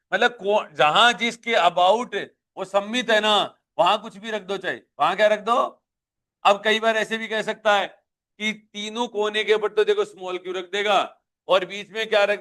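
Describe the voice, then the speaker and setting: A male physics teacher with a Hindi accent gives a live classroom lecture in a high, fairly bright voice. He questions his students and pushes them to answer out loud.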